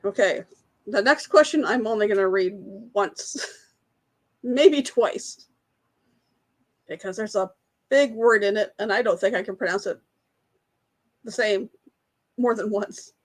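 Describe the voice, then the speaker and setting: A woman's voice: mid-range voice, moderate pace, pauses often. A woman hosting a casual live trivia quiz, reading questions aloud and chatting with viewers in the chat. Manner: reads questions aloud, greets and answers chat viewers, laughs at herself. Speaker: trivia livestream host.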